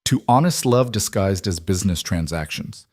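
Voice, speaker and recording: A man voicing a sharp, blunt female investor who speaks in a knowing, wry way. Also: low voice, lively intonation, moderate pace, no room sound, clean studio sound.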